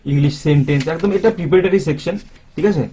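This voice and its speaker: A man's voice: fairly high pitch, brisk, mellow, husky. A man with a Bengali accent, chatty and informal, walking viewers through a grammar book and often checking in with them. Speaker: book reviewer and English teacher. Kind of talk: casual book review walkthrough.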